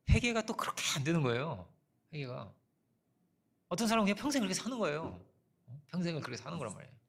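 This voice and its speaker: A man's voice: fairly high pitch, a bit bright. A middle-aged male pastor giving a conversational sermon with personal stories and rhetorical questions. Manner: conversational preaching with frequent rhetorical "어?"; storytelling with personal anecdotes.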